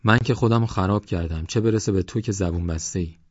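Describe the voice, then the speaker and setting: A man's voice: sits low, husky, dry recording, highs cut off. A man voicing an easygoing village shopkeeper who talks in a teasing, offhand way in an audiobook. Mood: joking. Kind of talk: audiobook character voice.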